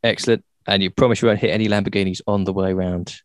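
A man's voice: low-pitched, steady tone, fast talker, no room sound, studio quality. A man, hosting a radio interview in a casual, chatty style.

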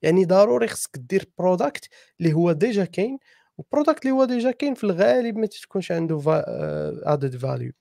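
Moroccan-accented man, gravelly edge, fast explanatory talk, close dry sound. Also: high voice, sing-song, warm tone, dry recording. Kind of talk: casual panel discussion, giving advice.

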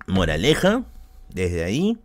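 Peruvian man, lima accent, live stream host, lively pitch, slangy storytelling. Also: slow pace. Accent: Peruvian Spanish, Lima. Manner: slangy, swearing, many fillers. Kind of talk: casual anecdote on a live stream.

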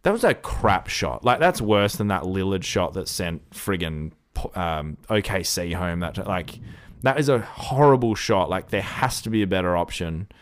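Deep-voiced Australian man talking sport. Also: expressive, moderate pace. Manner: blunt, slangy, opinionated. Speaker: podcast co-host giving opinions. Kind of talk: casual sports chat.

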